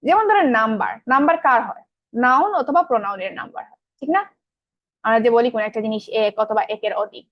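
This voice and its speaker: Fast-talking, quizzing teacher woman. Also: a little high, no room sound, dull audio. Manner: asks the class questions and answers them herself; colloquial, mixes in English terms. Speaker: English grammar teacher. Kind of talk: online class lecture.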